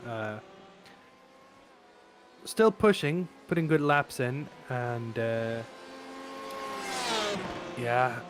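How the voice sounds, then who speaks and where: A man calling a sim race live, talking through his race-day hoarseness with lots of fillers and restarts. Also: mid-range voice, very slow, pauses often. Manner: excitable, many fillers and restarts. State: voice wearing out. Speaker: race commentator. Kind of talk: live sim racing commentary. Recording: noisy stream with engine sounds. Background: race car engine noise.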